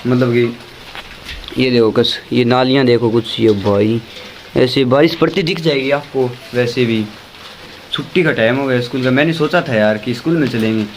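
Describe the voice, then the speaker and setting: A man chats away in a casual vlog at a medium, everyday pitch, walking between his home and the lane outside during rain. He keeps pointing things out to his viewers in a loose, chatty way, speaking into a handheld phone camera. A faint outdoor ambience sits behind his voice. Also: moderate pace, slight background noise, rough recording. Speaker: vlogger.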